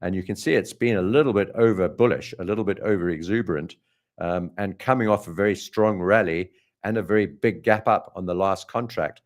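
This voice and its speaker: A deep-voiced man with a South African accent walks through market charts in a live trading stream. He thinks aloud as he goes, pausing on ums and uhs and correcting himself mid-sentence.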